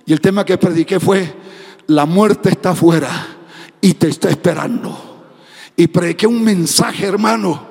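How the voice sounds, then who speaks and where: A man preaching a fiery sermon as a pastor, shouting and half-singing his phrases. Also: high voice, creaky, slightly rough, big-room sound. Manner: speaking in tongues.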